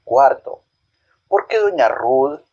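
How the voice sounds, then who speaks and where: A man telling a Bible story to children in a gentle, expressive reading voice, then posing questions. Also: mid-range voice, slow pace, lo-fi sound.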